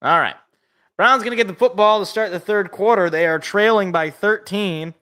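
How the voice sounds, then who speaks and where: A man's voice: sits high, normal speed, sharp tone, clear, resonant tone. A man in his twenties, co-hosting a live football reaction stream, calling plays and joking with viewers in a self-deprecating way. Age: 20s. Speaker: sports podcast co-host. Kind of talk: live game reaction and play-by-play.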